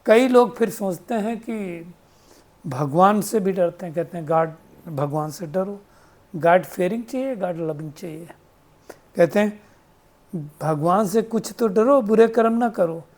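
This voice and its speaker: Sitting high with a darkish tone, the spiritual teacher's voice carries a devotional discourse. He patiently explains, draws on quoted sayings, and throws out rhetorical questions with the tag "है ना?".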